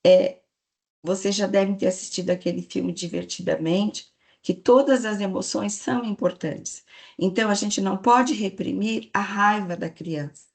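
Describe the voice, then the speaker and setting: A woman lectures a live audience. Her voice has a gravelly, creaky texture at a middle pitch. She explains step by step and often checks whether the listeners follow. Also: a little mellow. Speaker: speaker giving a parenting talk to staff.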